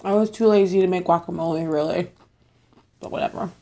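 A woman's voice: fairly low pitch, steady tone, a little fast, mellow. A young woman vlogging from home in a casual eat-with-me chat, bubbly and chatty, talking between bites while losing her voice. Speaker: mukbang vlogger.

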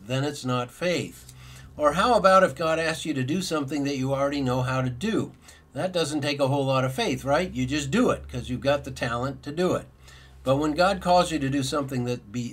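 A middle-aged male pastor delivers a sermon from a desk in an indoor office lined with bookshelves. His medium-pitched voice is a bit bright, and he's earnest and explanatory, posing rhetorical questions and repeating his points.

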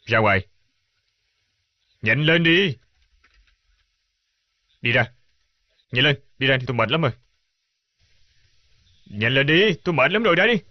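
A man's voice: mid-range voice, animated, a little slow, long pauses, dry recording, natural voice. A man dubbing a flustered, exasperated young ex-fiancé in a TV drama. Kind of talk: dubbed TV drama acting. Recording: dull lo-fi dub audio.

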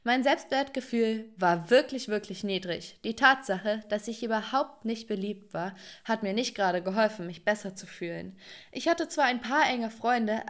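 A young woman narrating a scripted first-person story and talking straight to viewers. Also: on the high side.

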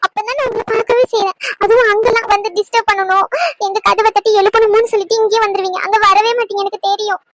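A woman's voice: very high-pitched, steady tone, quick pace, heavy background noise. A woman voicing a tearful young pregnant wife in a cartoon, pleading and complaining.

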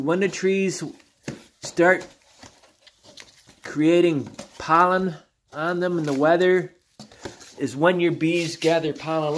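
Filmed on a handheld phone in a garage, a beekeeper gives a casual hands-on tour of his hives, chatty and plainspoken as he explains each step. He has a fairly high, slightly bright voice, and a little hiss or hum runs under the recording.

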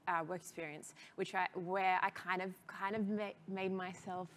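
A woman's voice: lowish voice, level tone, moderate pace, fairly bright tone. An Australian woman in her thirties from rural Australia, telling her career story in a casual interview, chatty and often laughing. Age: 30s. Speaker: guest, DJ and label founder.

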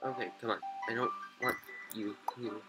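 A man giving casual, rambling commentary while playing a video game, with sudden excited yelps, his voice a little rough from being sick. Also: mid-range voice, normal speed, rough recording. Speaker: gaming video creator. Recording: game music under the voice. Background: game music.

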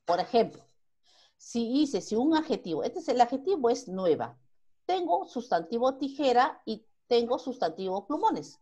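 A woman's voice: on the high side, sing-song, normal speed, warm tone, breathy edge. A Peruvian woman teaching a primary school grammar lesson online, who asks the class questions and then answers them herself. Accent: Peruvian Spanish.

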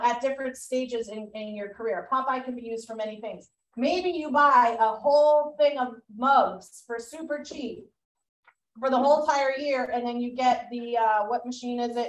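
A woman with a Boston accent leading a real estate training class, chatty and loose with fillers and restarts. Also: on the high side. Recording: echoey room, mic far off.

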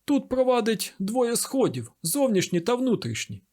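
A man's voice: very high voice, very animated, normal speed, a little mellow, pitched above the performer's own voice, heavily acted. A man reading an audiobook, voicing a fretful male innkeeper who talks in a hurry. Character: anxious male country innkeeper.

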